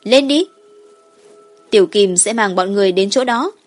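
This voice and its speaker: A woman's voice: medium pitch, fast talker, soft background music, natural voice. A woman voicing an eager, friendly little boy dragon of seven or eight in an audiobook.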